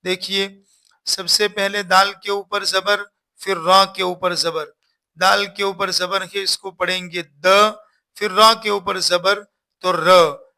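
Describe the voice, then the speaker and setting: A man's voice: high-pitched, flat delivery, takes it slowly, creaky, sharp tone. A man teaching Quran reading in a recorded lesson, patiently repeating instructions and sounding out the letters one by one.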